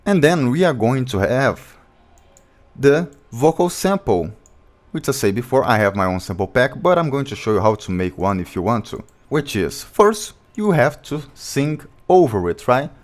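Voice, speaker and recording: In a sing-song delivery at a moderate pace, a low-voiced producer plainly explains each step of his beatmaking process, using non-native grammar. The casual screen-recorded tutorial has beat music running in the background.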